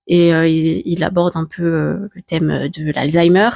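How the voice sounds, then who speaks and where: A woman's voice: low voice, level tone, a little slow, gravelly, darkish tone, dry recording. A young woman in casual podcast chat, hesitant and giggly, often stumbling over her words.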